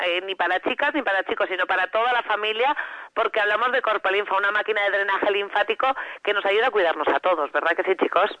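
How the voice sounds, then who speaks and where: A woman from calling in to a radio show, giving a chatty, persuasive sales pitch over the phone. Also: bright, forceful tone, no room sound. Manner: chatty, persuasive, friendly diminutives. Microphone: telephone. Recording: muffled phone line.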